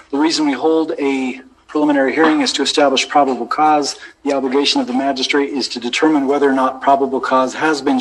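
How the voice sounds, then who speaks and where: A man with an American accent speaking as a judge, giving a measured, deliberate formal ruling from the bench. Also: mid-range voice, rough recording. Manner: measured, deliberate, procedural phrasing. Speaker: judge presiding over a court hearing. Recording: courtroom recording with background noise.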